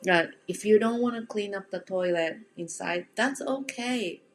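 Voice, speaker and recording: Over soft background music, a Japanese woman at medium pitch takes an unhurried pace. She speaks with a Japanese accent as a home organizing coach, offering casual, straightforward instruction in an encouraging, plain-spoken way to the listener.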